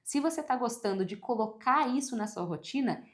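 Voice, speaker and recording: A woman's voice: on the high side, animated, fairly quick. A woman giving an online pronunciation lesson, talking straight to the viewer in an upbeat, demonstrative way and leading repeat-after-me drills. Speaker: English pronunciation mentor.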